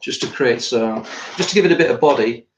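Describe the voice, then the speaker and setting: In a brisk, animated, mid-range voice with lo-fi sound, a British artist rambles and thinks aloud on a live stream while working. Slightly tired after a climb, he's recorded in a roomy art studio with faint noise.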